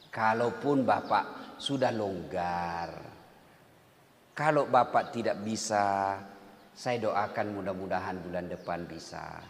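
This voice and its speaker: A man preaching a sermon in an animated way, swinging between loud emphatic lines and soft, drawn-out chanting. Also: mid-range voice. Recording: echoey hall with long reverb.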